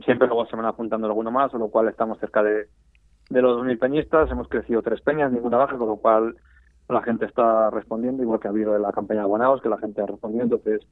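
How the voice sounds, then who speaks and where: In a fairly low voice with fairly even intonation, a man from Spain talks at a quick pace, with no echo, during a radio interview he joins by landline. The tinny, dry phone line carries his hesitant speech, full of repeated and restarted words, as president of a supporters' club federation.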